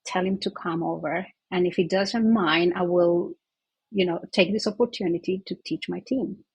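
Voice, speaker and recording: A woman with a very husky, breathy voice and a gravelly edge, talking earnestly through a story from her practice. She speaks as an interview guest, with dry, close sound around her. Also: fairly low pitch, normal speed, no echo, muffled recording. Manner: earnest, animated anecdote-telling. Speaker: guest, myofunctional therapist.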